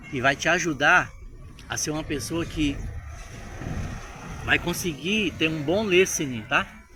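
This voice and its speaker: Animated Brazilian man, bright voice. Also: fairly high pitch. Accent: Brazilian Portuguese. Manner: animated, addresses viewers directly with frequent tag questions. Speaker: English-learning vlogger. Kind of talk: casual storytelling to camera.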